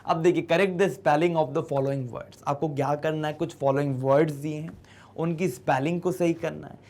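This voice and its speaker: Male teacher, Indian accent, fairly high voice, bilingual classroom explainer who asks and answers his own questions. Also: fairly even intonation, a little mellow. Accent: Indian English. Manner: mixes Hindi explanation with slow read-out English. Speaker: English teacher. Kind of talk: classroom lesson explaining an exercise.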